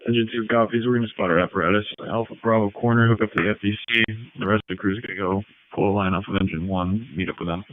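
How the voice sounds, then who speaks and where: Male engine officer, brisk clipped fire radio read-back, low register, narrow phone-like transmission. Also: fairly even intonation, dry recording. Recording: thin phone-like two-way radio.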